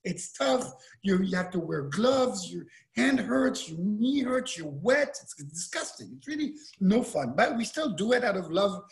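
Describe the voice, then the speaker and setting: A man's voice: high voice, measured pace, vocal fry, hardly any pauses. Swiss-born man talking with his hands. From Switzerland. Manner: animated, gesturing with his hands, many repeated words. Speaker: winemaker. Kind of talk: casual talk over video call. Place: indoor room with wine bottles and shelves. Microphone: webcam at close range.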